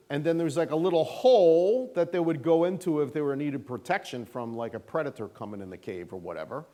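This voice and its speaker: A middle-aged man teaching a church Sunday school class in a casual, animated, folksy way, with a sarcastic edge and lots of fillers. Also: on the high side.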